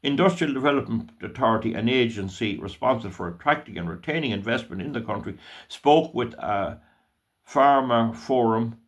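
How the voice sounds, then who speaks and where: A man talks casually to his viewers at an ordinary mid pitch. He rambles, often trips over words and starts again, and drops in folksy asides along the way. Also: lively intonation, normal speed. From Ireland. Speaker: commentator. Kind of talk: casual commentary to camera.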